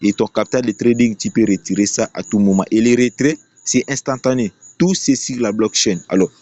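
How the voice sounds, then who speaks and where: Here a YouTube tutorial presenter pushing a trading platform talks fairly quickly in a lowish, slightly mellow voice. His unscripted screen-share walkthrough is emphatic and full of repeated phrases, captured in dull, lo-fi audio.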